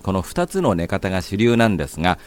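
A man hosts a language lesson, leading with friendly questions and keeping the talk moving with short replies. His voice is on the low side, and his pitch rises and falls a lot as he talks. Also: big pitch swings. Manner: friendly questioning, quick nods and back-channels. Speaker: host.

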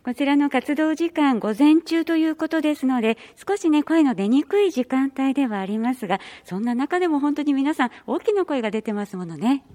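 High-voiced polite woman host. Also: animated, brisk, few pauses, warm tone. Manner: formal, very polite phrasing. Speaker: radio host. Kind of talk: polite community radio interview.

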